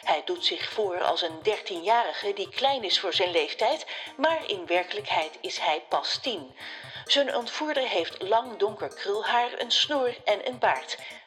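Brief: woman playing a stern newsreader reading a missing-person notice, lively in pitch. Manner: formal, stern. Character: strict female radio newsreader.

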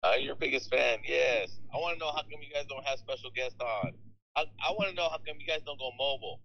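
A man's voice: medium pitch, fast, gravelly, muffled recording. A man calling in over a speakerphone, joking around in a playful, teasing way as a caller. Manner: playful, teasing, deadpan fake-fan bit. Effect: speakerphone call. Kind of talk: joking casual phone chat.

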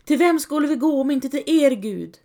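A frightened, desperate peasant girl, as a woman narrator puts her on for a dark storybook tale. She pleads in an anguished voice. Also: sits high, animated, pitched above the performer's own voice.

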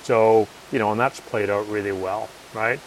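A man's voice: on the low side, fairly even intonation, normal speed, a little hiss or hum, rough recording. A man being interviewed as an author, speaking confidently and emphatically, repeating his key points. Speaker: author and guest. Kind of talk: conversational interview.

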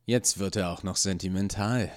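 A man's voice: deep voice, normal speed, dry recording, studio quality, natural voice. A man reading as an irritated male police detective with a sarcastic, impatient manner.

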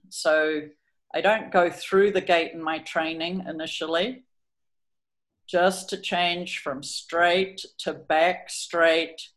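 A middle-aged woman, a horse trainer chatting hesitantly through a training video and telling stories about her horse. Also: lowish voice. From New Zealand. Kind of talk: explaining training over a video, storytelling.

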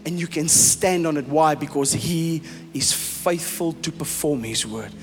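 A South African pastor preaching a sermon emphatically, sometimes mixing in Afrikaans phrases. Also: male voice, on the high side, measured pace. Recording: reverberant hall with soft music.

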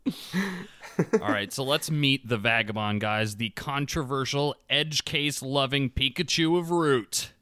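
A man's voice: medium pitch, slow pace, pushed and bright, no echo. A man hosting a casual game podcast, talking in an upbeat, loose way. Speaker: podcast host.

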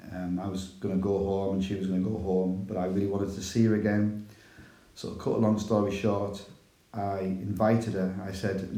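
Chatty Northern English man, dark voice. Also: fairly low pitch, reverberant, poor audio. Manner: chatty, self-deprecating, laughs often. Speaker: church elder, interview guest. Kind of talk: casual storytelling interview.

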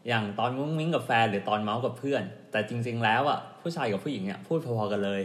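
A man's voice: medium pitch, quick pace, echoey room. A man co-hosting a podcast in casual chat, talking in a blunt, teasing way. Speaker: podcast co-host.

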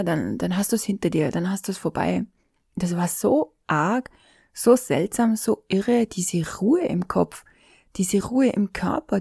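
A woman's voice: medium pitch, vocal fry, mellow, breathy edge, no room sound, clean studio sound. A middle-aged woman with an Austrian accent, telling an emotional personal account in an intimate voice that often sinks to a whisper. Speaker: storyteller.

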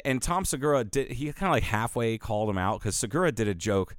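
A man in casual conversation, telling stories in a lively, profane way. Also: mid-range voice, fast talker, no room sound, studio quality. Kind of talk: casual chat.

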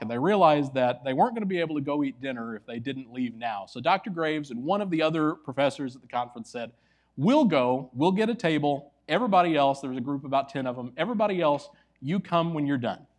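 A male preacher telling a story in a sermon, swinging between loud stretches and hushed ones. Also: mid-range voice.

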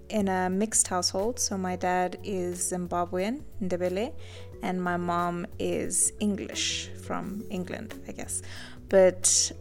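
Gravelly-voiced young woman from Zambia. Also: lowish voice. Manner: friendly, laughs easily, chatty storytelling. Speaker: guest artist. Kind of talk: casual podcast interview.

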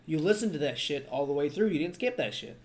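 A man's voice: on the high side, animated, fast. A young man in casual chat as a podcast co-host, tipsy after a few beers, blunt and swearing casually, with lots of "like".

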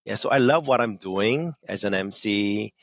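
A Korean-American man, an emcee and motivational speaker, is a guest in a radio studio giving casual answers in an interview. His gravelly low voice moves at a moderate pace with no room sound, and he comes across as earnest but hesitant, with many fillers and restarts.

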